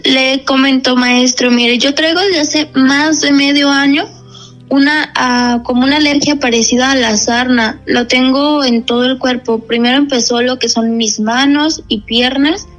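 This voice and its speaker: A woman's voice: high voice, fairly even intonation, measured pace, fairly bright tone, faint music behind, rough recording. A woman calling in over the phone to a psychic show, polite and earnest, sounding desperate. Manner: polite and earnest, answers briefly then explains at length. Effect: heard over the phone. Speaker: caller to a psychic call-in show. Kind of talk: live call-in.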